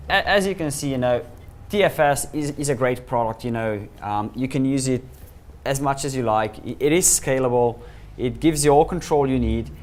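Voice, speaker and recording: Speaking with a Slovenian accent in a mid-range voice, a man from Slovenia gives a conference talk as a solution architect. He tells his story to an audience in a meeting room, with chuckles and filler words.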